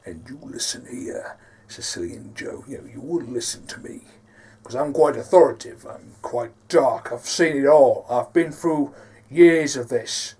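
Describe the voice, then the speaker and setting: A man voicing an elderly, weary male boss with a deep, raspy, commanding voice. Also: expressive, a little slow, warm tone. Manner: commanding, lecturing.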